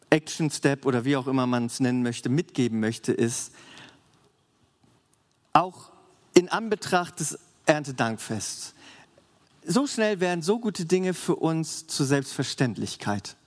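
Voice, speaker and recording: A man preaching a sermon to a congregation in a lively, conversational way, often asking them for agreement. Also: fairly high pitch, slow pace, long pauses. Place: large church hall. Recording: long hall reverb, faint music behind.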